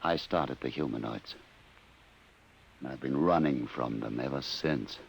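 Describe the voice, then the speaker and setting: A man's voice: very deep voice, measured pace, vocal fry, exaggerated voice. An actor playing a remorseful, weary male inventor in a 1950s radio drama, heard on an old radio recording. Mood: grave. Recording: hissy old radio broadcast.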